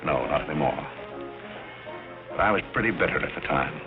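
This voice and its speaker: An actor playing a dry, dignified gentleman butler in 1930s screwball film style, speaking in a measured, wry, formal way. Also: extremely low pitch, expressive. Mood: reflective. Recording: muffled 1930s film soundtrack with music.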